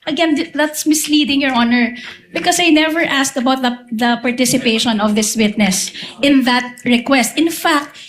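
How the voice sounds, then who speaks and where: A woman's voice: high voice, normal speed. A woman with a Filipino accent arguing formally as a defense lawyer, insistently raising objections and restating her points. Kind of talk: formal legal argument.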